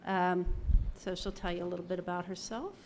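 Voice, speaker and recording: A woman's voice: on the low side, steady tone, brisk, a little hiss or hum. A woman theatre professor giving a conference presentation, conversational and enthusiastic, often correcting herself as she goes.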